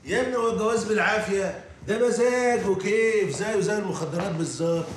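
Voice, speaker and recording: A man's voice: high voice, fast talker, reverberant, a little hiss or hum, lightly acted. An actor playing a sarcastic, streetwise man who mocks his friends, with an Egyptian accent. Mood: teasing. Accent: Egyptian Arabic. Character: mocking street-smart male sidekick.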